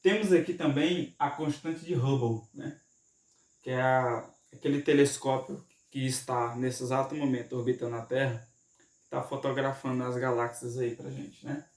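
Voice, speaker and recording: A man's voice: medium pitch, fairly even intonation, moderate pace, a little mellow. Man explaining science in an echoey room. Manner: informal, frequent "né?" tag questions and restarts. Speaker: math and science teacher. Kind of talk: explanatory lesson. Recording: echoey room, voice from far off mic.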